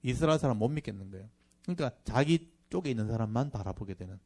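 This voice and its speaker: Guy pastor doing bible class, chatty explaining, slows way down reading verses, regular mid voice. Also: mid-range voice, lively intonation, mellow. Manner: conversational, explains verses and reads scripture slowly with emphasis. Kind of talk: Bible lecture.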